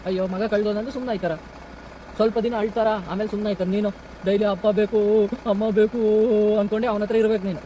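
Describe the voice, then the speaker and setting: A man acting a bumbling, greedy yet soft-hearted kidnapper in a comic skit, talking in a rambling, rustic way outdoors. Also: sits high, flat delivery, fast, lightly acted. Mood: threatening. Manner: rambling, chatty, rustic talk. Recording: street noise with idling engine.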